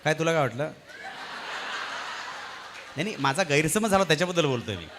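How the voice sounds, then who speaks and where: A man doing stand-up comedy on stage at a live event, telling an animated story and acting out its voices. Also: fairly high pitch, fairly quick, background noise. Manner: animated, acts out the voices in his stories.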